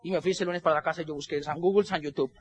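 A young Colombian man doing animated stand-up storytelling, acting out the other people in his stories. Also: on the high side, quick pace, breathy edge, muffled recording. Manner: animated, acts out dialogue with voices. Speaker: comedian.

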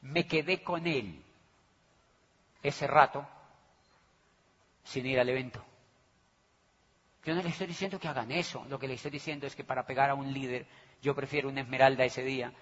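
A man giving an animated motivational business talk, acting out the people in his stories and often checking that the audience follows. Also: mid-range voice, moderate pace, pauses often. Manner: animated, acts out the people in his stories, keeps asking "do you understand me". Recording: echoey hall, dull sound.

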